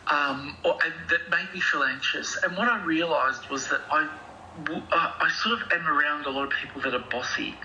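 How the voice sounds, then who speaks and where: A man playing an anxious, softly spoken therapy patient who talks hesitantly and meanders. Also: fairly high pitch, moderate pace, a little hiss or hum, poor audio. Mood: earnest. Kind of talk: improvised comedy dialogue.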